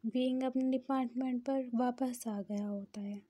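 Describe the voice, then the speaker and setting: A woman reading fan fiction aloud in a plain, steady storytelling manner. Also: on the high side, measured pace, dry recording.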